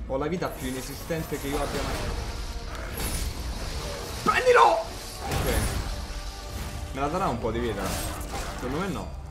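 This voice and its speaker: A man giving casual, excitable gameplay commentary, swearing and talking to his viewers. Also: mid-range voice, fast. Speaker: video game player commentating. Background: game music.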